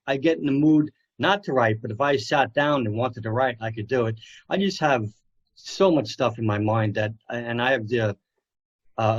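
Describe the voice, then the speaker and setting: A man's voice: medium pitch, dull audio. A man from the US East Coast, an author guest in a casual interview, speaking plainly and bluntly.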